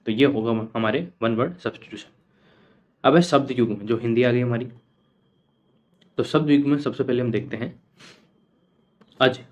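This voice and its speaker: A man's voice: mid-range voice, dull audio. A man teaching an exam coaching lesson, repeating each answer and asking the class questions that he answers himself. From India.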